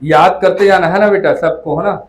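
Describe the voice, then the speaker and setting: High-voiced man teaching a class. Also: fairly even intonation, moderate pace, rough recording. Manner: repeats mnemonics, addresses students as beta. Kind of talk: classroom lecture.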